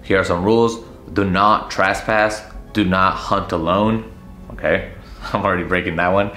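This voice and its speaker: A young travel vlogger with a deep, sharp-toned voice keeps a steady tone and moderate pace as he chats from a hotel room and its hallways. His casual narration is half-joking with a nervous edge, captured on an arm's-length handheld camera. Soft background music plays over an echoey room with faint ambience.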